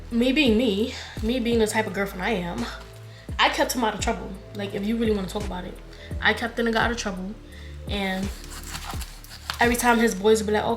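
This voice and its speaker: Woman in her 20s doing a storytime, slangy and animated, echoey room, a bit of music behind. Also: medium pitch. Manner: animated, slangy, retelling with quoted dialogue. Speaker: vlogger. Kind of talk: casual storytime chat.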